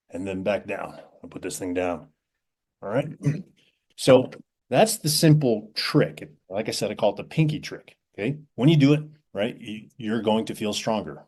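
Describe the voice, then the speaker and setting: A man with a deep, low-pitched voice explains kettlebell technique in an easygoing instructional style. He talks to the viewer like a friend and keeps checking in with "right?" and "okay?". He is seated indoors as he demonstrates. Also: darkish tone. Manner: conversational, peppers lines with "right?" and "okay?". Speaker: kettlebell coach. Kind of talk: casual instructional video. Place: indoors, seated on an old wooden chair.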